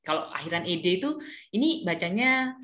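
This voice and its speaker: A woman's voice: lowish voice, very animated, fairly quick, a bit bright. A woman teacher trainer giving a casual briefing, explaining with worked examples and many fillers.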